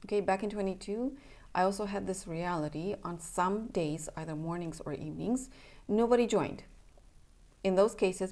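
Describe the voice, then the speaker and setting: This young adult woman is a somatic coach from Romania whose first language is Romanian. Her lowish voice has a darkish tone, and her casual announcement is earnest and plainspoken, punctuated by check-ins of "okay?"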